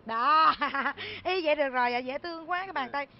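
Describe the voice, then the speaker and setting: A woman's voice: high voice, normal speed, muffled recording, slight background noise. A woman in a stage comedy sketch, playing a chatty, fawning marriage broker who laughs often. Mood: fussing.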